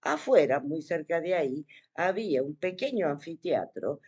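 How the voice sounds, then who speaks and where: A woman casually telling the viewer a personal story, retelling it expressively with dramatic pauses. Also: sits low, sing-song, a little mellow, husky, lo-fi sound. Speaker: vlogger.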